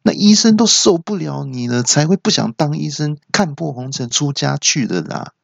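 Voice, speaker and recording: A man voicing an impatient young female dental nurse who yells in exasperation. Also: a little high, expressive, moderate pace, creaky, no echo, lo-fi sound, pitched above the performer's own voice. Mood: shrill, exasperated. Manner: exasperated yelling, scolding.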